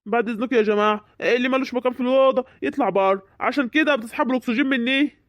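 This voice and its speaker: A woman playing a brisk male village doctor. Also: a little high, no room sound, lo-fi sound, natural voice. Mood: businesslike. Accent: Egyptian Arabic. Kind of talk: amateur drama voice acting.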